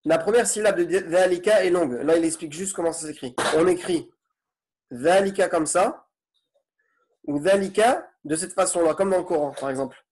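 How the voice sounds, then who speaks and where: A man's voice: sits high, normal speed, a little mellow. A man teaching an online Arabic grammar lesson in French, explaining patiently and checking in with his students often.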